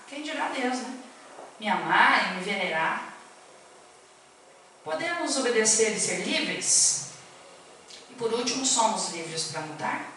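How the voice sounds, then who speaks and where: A woman's voice: medium pitch, fairly bright tone, distant mic, a little hiss or hum. A woman giving an informal spiritist talk, chatty and often putting questions to her listeners. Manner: chatty, asks the audience questions. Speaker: spiritist lecturer. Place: spiritist centre hall. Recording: echoey hall, speaker off-mic.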